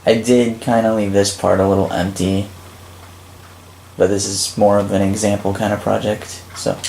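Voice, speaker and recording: A man's voice: fairly low pitch, creaky. Casual rambling man, roomy sound. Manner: relaxed, rambling, many "um"s and "like"s. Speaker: game creator and channel host. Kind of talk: casual gameplay walkthrough commentary. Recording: roomy with faint background noise.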